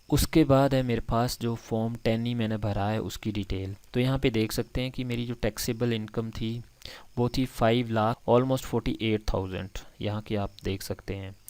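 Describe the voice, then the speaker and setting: A man's voice: lowish voice, clear, resonant tone, no room sound. A young adult man from India with a Himachali Hindi accent, walking steadily through tax filing steps in a tutorial. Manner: steady, methodical walkthrough of figures. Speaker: channel host explaining tax filing. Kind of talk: screen-recorded tutorial explanation.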